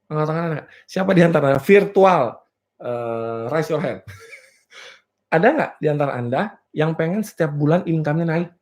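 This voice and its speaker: Lively, joking male business coach. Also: fairly high pitch. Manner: playful, rhetorical, repeatedly checks "clear?" with the audience; laughs at own jokes. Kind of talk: motivational seminar talk. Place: live and virtual seminar.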